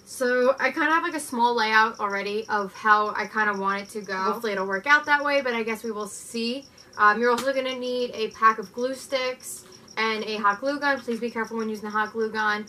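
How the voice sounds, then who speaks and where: A young woman giving a relaxed, chatty DIY tutorial with lots of filler words, sitting on her living-room floor and recorded by a camera a few feet away. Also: a little high, brisk, a little hiss or hum, low-quality recording. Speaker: pet care vlogger.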